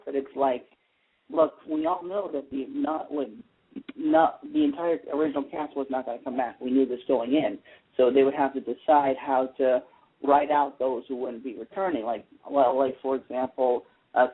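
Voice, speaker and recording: A man with a mid-range, slightly rough voice hosts a casual radio talk show about TV, chatty and opinionated as he lays out his views. The audio comes through a tinny, phone-like internet radio line.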